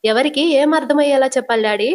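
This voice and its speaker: A woman's voice: high voice, quick pace, natural voice. A woman voicing a spoiled, sly young woman who talks back defiantly, in a retold TV serial.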